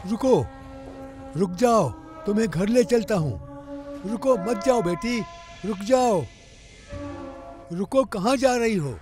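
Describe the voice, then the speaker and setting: A man dubbing a gentle but stubborn father who pleads with a child and evades his wife. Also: high voice, lively intonation, takes it slowly, pauses often. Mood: pleading. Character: secretive middle-aged father, gentle yet stubborn. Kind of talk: Urdu film dubbing. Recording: music playing behind. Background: music.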